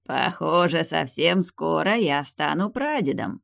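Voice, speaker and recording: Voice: medium pitch, vocal fry, dry recording, studio quality, lightly acted. A reader voicing a pompous old clan grandfather. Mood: smug. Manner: slow, self-important, drawn-out speech. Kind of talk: audiobook character voice.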